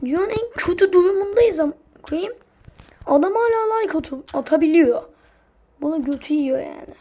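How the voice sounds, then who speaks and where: A woman's voice: very high voice, animated, normal speed, highs cut off. A woman commentating her own gameplay, swinging between muttered asides and frustrated, cursing outbursts at her teammates. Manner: drops to muttered asides between loud cries. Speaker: gaming streamer.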